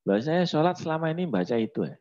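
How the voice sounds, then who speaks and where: A man's voice: on the high side, sing-song, quick pace, a little mellow, pitched above the performer's own voice. A clueless, flustered father, as a male teacher puts him on, talking in a raised, indignant voice. The recording is dull and lo-fi.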